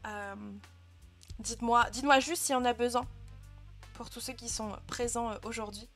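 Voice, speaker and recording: Bright-voiced woman teaching a class. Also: on the high side, steady tone, normal speed, soft background music. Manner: patient, clear explaining with frequent "euh" and "hein" checks. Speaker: Japanese teacher. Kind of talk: live online language lesson.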